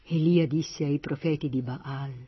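A reader narrating a Bible story in a steady, plain reading style. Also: mid-range voice, a little slow, husky. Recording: dull lo-fi recording.

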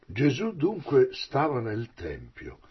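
A man reading a Bible passage aloud in a husky, measured voice. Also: medium pitch, wildly swooping pitch, dull audio. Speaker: scripture reader.

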